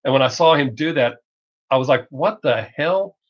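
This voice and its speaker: On his livestream, a middle-aged reaction video creator with an American Southern drawl, mostly hidden by his fast talk, chats bluntly and off the cuff. He rambles, jokes and swears some, with a mid-pitched voice and lively intonation, over dull, slightly muffled lo-fi audio.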